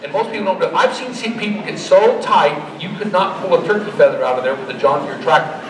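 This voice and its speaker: A middle-aged man giving a live demonstration and pitch to an audience in a folksy, joking, motivational way, as a trainer. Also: fast. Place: large indoor horse expo arena. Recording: echoey expo hall, distant, crowd noise. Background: crowd.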